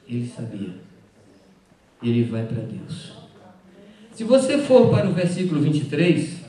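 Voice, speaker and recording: A man's voice: mid-range voice, dark tone. A man preaching a sermon to a conference of pastors, emphatic and asking the listeners questions directly. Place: large hall at a pastors' conference. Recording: echoey hall, voice from far off.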